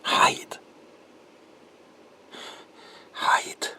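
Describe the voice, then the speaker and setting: A man in full character voice plays an anguished, guilt-ridden doctor confessing in an ASMR roleplay monologue, his mood one of anguished denial. His breathy voice has a sharp tone and often drops into a whisper. He speaks in a halting, haunted, intense way, in broken phrases.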